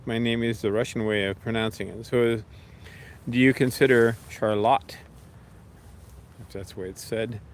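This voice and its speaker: A man chatting casually with viewers on a livestream, relaxed and rambling, talking to his pets now and then. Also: medium pitch, a little fast, a little hiss or hum.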